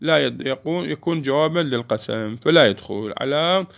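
A man's voice: on the high side, expressive, brisk, creaky, fairly bright tone. A man teaching a grammar lesson, explaining step by step and answering his own questions to the class.

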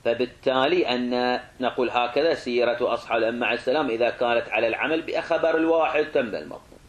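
This man teaches religious studies, lecturing very fast in a medium-pitched voice. Rhetorical questions, repeated and reworded points, throat-clearing and restarted words all mark his delivery.

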